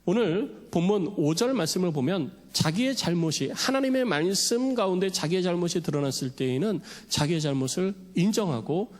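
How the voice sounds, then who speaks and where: A man preaching a Sunday sermon as pastor in a church sanctuary, lively and dramatic, acting out the voices he quotes. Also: high voice. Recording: long church hall reverb.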